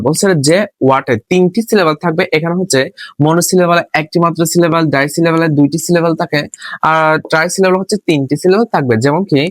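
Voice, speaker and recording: A man's voice: on the high side, no room sound. A male teacher talks through a lesson in a dry, close sound with no room around it. He keeps circling back to the same rule and poses questions only to answer them himself. He breaks words apart and spells them out letter by letter. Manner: repetitive, asks and answers his own questions. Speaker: English teacher. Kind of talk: spoken classroom lesson.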